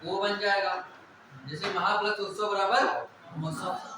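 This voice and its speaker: A man's voice: high-pitched, steady tone, a little slow, background noise. A man teaching a Hindi grammar lesson, explaining step by step and often checking whether students follow. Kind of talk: classroom lecture on Hindi vowels. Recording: echoey room, voice from a distance.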